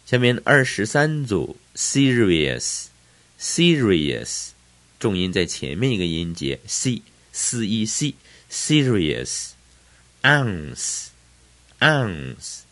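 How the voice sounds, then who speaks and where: Man, vocabulary lesson, repeats words, slow, low-pitched, dry close sound. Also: big pitch swings, fairly bright tone, no room sound. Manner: drills each word slowly and repeats it, explaining stress. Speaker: English teacher.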